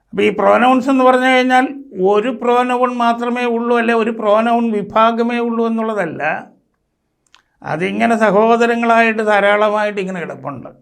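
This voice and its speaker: Man, English teacher, high voice, gravelly, explanatory delivery. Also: a bit bright. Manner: explanatory, slow, listing terms one by one. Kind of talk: spoken English lesson.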